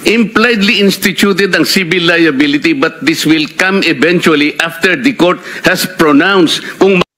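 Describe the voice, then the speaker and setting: A man's voice: a little high, unhurried, few pauses, sharp tone. A man speaking as a lawmaker in a formal hearing, arguing points of law firmly and insistently, mixing English and Tagalog. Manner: firm and insistent, legalistic, mixes English and Tagalog.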